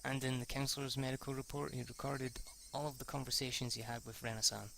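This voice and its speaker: The recording is rough, with slight background noise, as a man reads a visual novel aloud as an amateur let's player. His medium-pitched voice is level, fast, creaky, and a bit bright. He trips over words, rereads lines, and curses casually when reacting on the fly.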